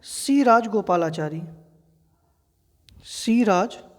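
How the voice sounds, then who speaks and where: A woman with an Indian accent teaches an exam quiz lesson, didactically repeating key facts and posing questions to her students. Her voice sits at medium pitch, a little mellow, with lively intonation and an unhurried pace. A long, hall-like reverb hangs over the recording.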